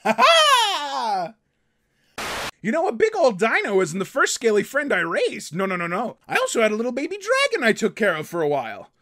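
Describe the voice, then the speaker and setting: A performer voicing an excitable cartoon man who rambles and yelps in alarm while reacting to his own cartoon episodes. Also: medium pitch, normal speed, exaggerated voice. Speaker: reacting host character. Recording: loud music playing underneath.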